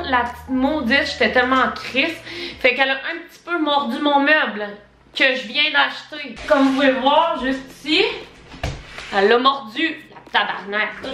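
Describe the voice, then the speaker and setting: A woman's voice: high-pitched, bright, forceful tone. A young woman with a Québécois French accent chatting casually and expressively to viewers in a vlog, swearing freely. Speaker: YouTube vlogger. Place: home office room, indoors. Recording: roomy echo, distant mic, background music.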